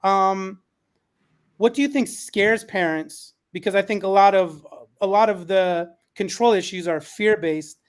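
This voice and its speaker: A man moderates an online panel discussion, hosting in an encouraging, affirming way. His voice sits high and smooth, and he speaks at a measured pace.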